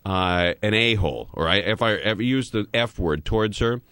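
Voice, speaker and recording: A man's voice: fairly low pitch, normal speed, fairly bright tone, clean tone, dry recording. A man hosting a radio talk show, trading jokes and telling rambling stories. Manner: joking, rambling storyteller. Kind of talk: casual radio banter. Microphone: studio microphone.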